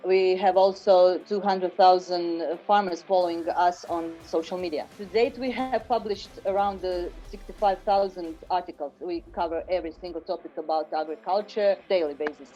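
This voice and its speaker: A woman's voice: on the low side, fairly even intonation, normal speed, few pauses, mellow, soft background music. A woman from Croatia, an editor speaking matter-of-factly over a video call with some hesitant fillers. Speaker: agriculture web editor. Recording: dull lo-fi call audio.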